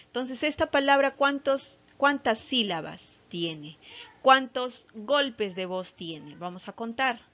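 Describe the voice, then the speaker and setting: A woman's voice: fairly high pitch, a bit bright, muffled recording. A woman teacher with a Peruvian Spanish accent, giving a patient online lesson to young children and often checking in with "¿ya?". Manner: slow, patient, with frequent "¿ya?" check-ins. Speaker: primary school teacher.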